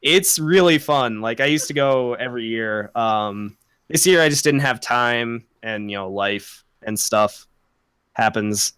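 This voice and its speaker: A man's voice: mid-range voice, measured pace, fairly bright tone, smooth, no room sound. A young man co-hosting a podcast, chatting casually, rambling, swearing a lot and laughing often. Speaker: podcast co-host. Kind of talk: casual chat.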